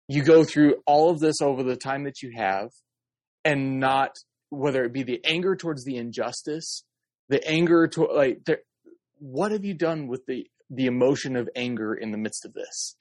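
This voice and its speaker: Brief: male host, a little high-pitched, dry close sound, probing and groping for words. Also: dry recording. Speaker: interviewer. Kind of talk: conversational interview.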